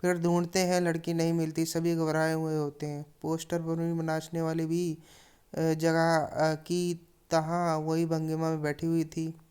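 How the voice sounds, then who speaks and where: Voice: mid-range voice, monotone, unhurried, a little mellow, clear, resonant tone. A teacher retelling a story chapter for students, with plain narration and casual asides to the class. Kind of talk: explaining a story lesson.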